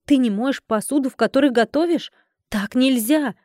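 A woman voicing a sharp-tongued young heroine in an audiobook, raised and emphatic. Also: high-pitched, moderate pace, dry recording, studio quality, voice pushed up, close to an everyday voice. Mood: indignant.

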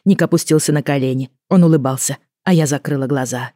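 Expressive woman reading an audiobook. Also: very deep voice, fast, no echo, studio quality. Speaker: audiobook narrator. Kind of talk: first-person audiobook narration.

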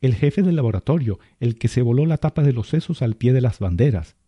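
A man's voice: mid-range voice, animated, fairly quick, husky, no echo, highs cut off, pitched above the performer's own voice. Give me a frightened marine, voiced by a man. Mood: fearful.

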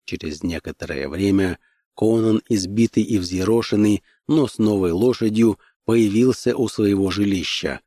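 A man narrating an adventure story in a measured, even storytelling manner. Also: lowish voice, dry recording. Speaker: audiobook narrator. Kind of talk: scripted audiobook narration.

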